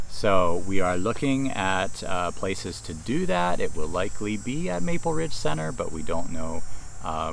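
Relaxed low-voiced pastor recorded outdoors. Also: male voice, gravelly, a little hiss or hum. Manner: relaxed, conversational with frequent fillers. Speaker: associate pastor. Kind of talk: church welcome and announcements. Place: outdoors in a shady park under trees.

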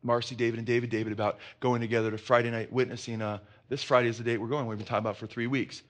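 Animated pastor telling stories. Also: male voice, mid-range voice, rapid-fire. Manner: animated storytelling, many restarts and asides. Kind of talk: conversational sermon with personal anecdotes.

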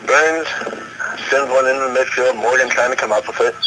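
A man's voice: mid-range voice, a little fast. A man giving live play-by-play commentary on a soccer match. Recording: noisy radio-style broadcast.

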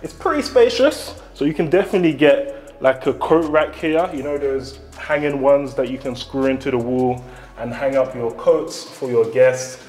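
In an echoey room, a young man with a London accent leads an upbeat, enthusiastic walk-through of an empty, newly built house, covering the indoor rooms and garden and addressing viewers directly. His mid-range voice is a little mellow and moves at normal speed.

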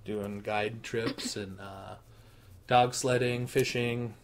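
A man in his thirties with a Minnesota accent co-hosts a podcast, telling stories in a casual chat with joking, playful asides. His voice is medium-pitched, his intonation fairly even, and he speaks slowly.

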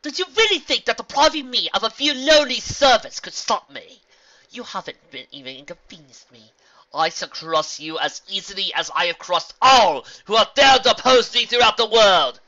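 A storyteller voicing a cold, furious evil female alicorn princess who speaks in slow, booming, imperious declarations. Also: bright, forceful tone, lo-fi sound.

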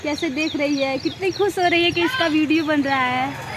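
A young woman with a high voice talks to her viewers while filming on a phone outdoors in a village. She chats and coaxes shy children to say hello. Wind, birds and animals come through clearly behind her. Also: fairly even intonation, normal speed. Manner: chatty, coaxing shy children to talk. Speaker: vlogger. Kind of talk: casual vlog narration. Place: outdoors in a village among trees. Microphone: phone held by the vlogger.

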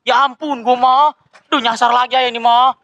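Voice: medium pitch, little pitch movement, normal speed, vocal fry, bright, forceful tone, no echo, highs cut off. A comedy sketch actor in whiny, teasing slapstick banter.

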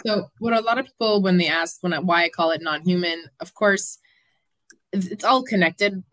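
Friendly lower-voiced woman guest. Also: moderate pace, fairly bright tone, dry recording. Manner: friendly, laughs easily, chatty. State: sore throat. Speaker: guest, philanthropy consultant. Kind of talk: casual interview chat.

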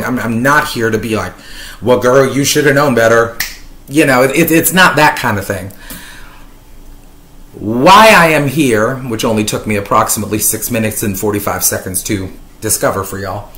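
Here the YouTuber's low, rumbling voice comes across a bit bright. She's a Lebanese woman in her thirties on her sofa, casually vlogging commentary to a desk-distance webcam, chatty, ironic and heavy on fillers, in an echoey living room.

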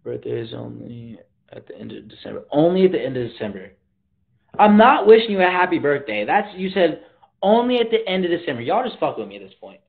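A teenage boy with a higher voice and vocal fry livestreams from his bedroom, very animated and brisk. He's slangy and easygoing, reading viewer comments aloud, and the arm's-length phone recording sounds tinny.

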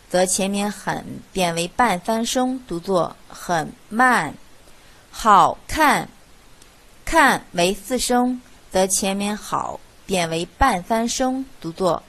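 A woman teaching Chinese pronunciation, reading drill words one at a time with clear, deliberate enunciation and pauses between them. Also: medium pitch, animated, fairly bright tone.

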